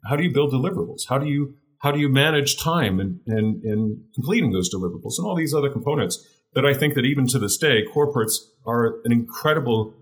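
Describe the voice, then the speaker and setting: As an interview guest, a deep-voiced man in his forties reflects on how he got into business, speaking earnestly at an ordinary pitch. He's animated and fast, stumbling over repeated words as he searches for phrasing.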